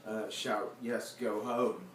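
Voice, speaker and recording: In a slow, lowish voice with little pitch movement, a poet reads his own poems to a seated audience at a live venue. He introduces them informally and with wry, self-deprecating jokes. The mic is far off in an echoey, noisy room.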